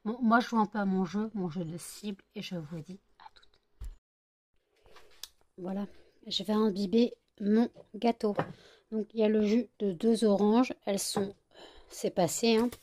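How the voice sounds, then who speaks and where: A woman's voice: medium pitch, fairly even intonation, normal speed, warm tone, a little hiss or hum. A worn-out woman chatting casually in a home vlog, rambling and repeating herself after a sleepless night of work. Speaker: vlogger making scented wax melts.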